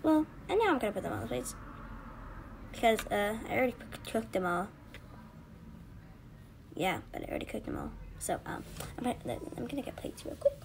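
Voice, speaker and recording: A woman's voice: fairly high pitch, sing-song, a little fast, creaky, long pauses, noisy background. A woman narrating doll play in a home video, rambling and shrugging things off as she goes. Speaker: video creator.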